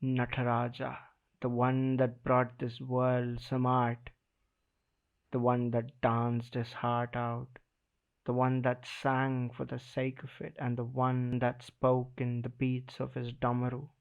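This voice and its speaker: This first-person slam poem comes from a man whose medium-pitched, heavily creaky voice stays completely flat as he goes very slowly. The recording sounds thin and phone-like, and he dramatically separates short phrases with weighty pauses.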